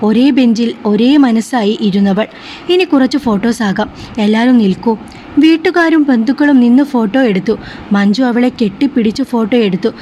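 Lady reading a story out, mellow and soft, bit muffled with faint hiss. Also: a little high. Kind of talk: scripted story narration.

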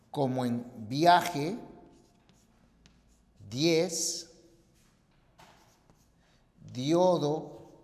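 A man teaching a grammar lesson, explaining slowly and deliberately and spelling out example words one by one. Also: on the high side, long reverb tail.

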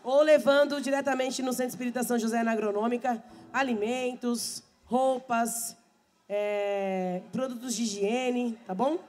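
Speaking fast into a handheld mic, a hoarse middle-aged samba singer and host laughs and chats with her live audience between songs, her voice fading from a run of shows. It sits fairly high, a little mellow, with fairly even intonation. The live samba band plays behind her on the indoor bar stage.

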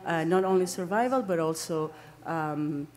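Standing at a lectern indoors, this middle-aged landscape architect from Greece delivers a seminar lecture in a low, darkish voice with a Greek accent. She halts often, hunts for the right words and self-corrects.

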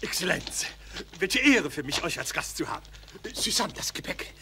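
An actor playing a fawning, obsequious innkeeper in a dubbed period series. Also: male voice, fairly high pitch, big pitch swings, moderate pace, vocal fry, heavy background noise.

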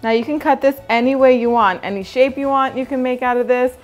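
A woman's voice: sits high, a little fast, soft background music. A woman hosting a cooking video, chatting upbeat as she walks viewers through each step in a home kitchen. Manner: chatty, upbeat, instructional, addresses viewers directly. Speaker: cooking channel host. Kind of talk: casual cooking demonstration.

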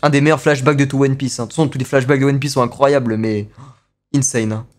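A young man streams live while reacting to a video, speaking in a mid-range voice at a quick pace. He's excited, leaning on slang and repeating his exclamations.

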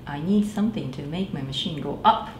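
Her voice sits low and moves fairly quickly as this thirty-something librarian performs a picture book for children indoors in a small library room. She is animated, does the characters' voices, and talks to the kids directly, with echo and faint background noise in the recording.

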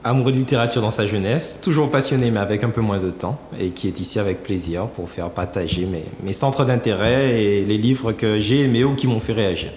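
A man's voice: on the low side, a little fast, hardly any pauses, a little mellow. A man who is a talk show guest, explaining a book while thinking aloud, with frequent fillers and restarts. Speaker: studio guest. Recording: roomy studio with long reverb and faint noise.

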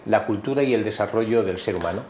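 A man's voice: on the low side, fast, a little mellow. A man hosting a TV talk show, speaking courteously with frequent "eh" fillers. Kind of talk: formal TV chat introduction.

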